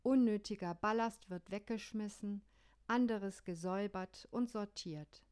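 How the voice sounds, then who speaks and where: A woman pastor giving a radio devotional sermon, calm and measured, telling a story. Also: mid-range voice, clean tone.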